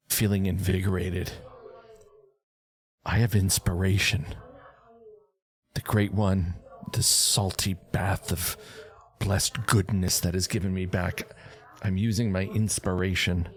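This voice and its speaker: A man's voice: sits low, level tone, takes it slowly, long pauses. A man playing a tabletop game, narrating his character's actions theatrically. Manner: theatrical, describes actions with flair. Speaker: player. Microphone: online voice chat.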